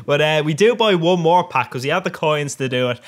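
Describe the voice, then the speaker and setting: A man's voice: on the high side, lively intonation, brisk. Cheeky young man, gameplay commentary. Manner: cheeky, crude, laughs often at his own jokes. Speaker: gaming YouTuber.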